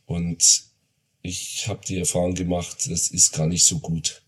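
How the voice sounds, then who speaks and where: A man's voice: deep voice, completely flat delivery, a little slow. A man in his forties talking in a casual podcast chat, thoughtful and restarting his sentences. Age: 40s. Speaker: podcast guest, father.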